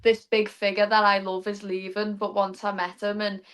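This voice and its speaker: A woman's voice: mid-range voice, little pitch movement, normal speed, a bit bright, smooth. A young woman, a guest artist on a casual podcast, telling stories with chatty enthusiasm.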